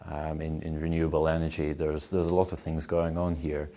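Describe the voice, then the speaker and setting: Really deep voiced guy, pretty flat, tentative casual interview answers. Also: fairly quick. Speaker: vox pop interviewee.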